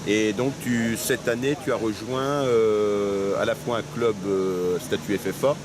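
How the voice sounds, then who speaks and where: A man's voice: on the low side, fairly even intonation, unhurried, background noise. A man interviewing a runner after a mountain race, hesitant, with many fillers and tag questions. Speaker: sports interviewer. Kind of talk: outdoor post-race interview.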